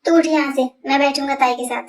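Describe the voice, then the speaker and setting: A woman's voice: sits high, steady tone, fast talker, close to an everyday voice. A woman voicing a jealous, hot-tempered young college man who speaks angrily and makes threats. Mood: threatening. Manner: angry, threatening. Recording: distant voice over loud music.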